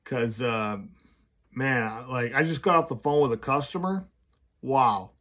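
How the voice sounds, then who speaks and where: A man speaks straight to the camera from his office, talking casually and candidly in a loose, rambling way. New braces slur his speech, blurring his esses and th sounds. His voice is pitched in an ordinary male middle range. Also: unhurried, a bit bright. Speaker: vlogger running a business. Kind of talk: casual vlog talk to camera.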